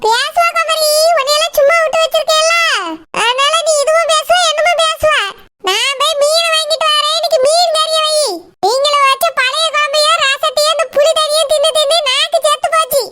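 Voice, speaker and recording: Brief: cartoon mother-in-law, Kanyakumari Tamil accent, bossy and sarcastic, squeaky high voice, loud noisy background with clicks. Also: fairly even intonation, brisk. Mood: scolding. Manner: scolding, sarcastic, grumbling. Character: nagging older village mother-in-law, bossy and complaining.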